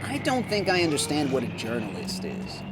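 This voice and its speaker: A man's voice: on the high side, wildly swooping pitch, normal speed, noisy background. A man narrating a comedic movie recap, full of sarcastic, jokey asides, over background music. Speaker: movie reviewer.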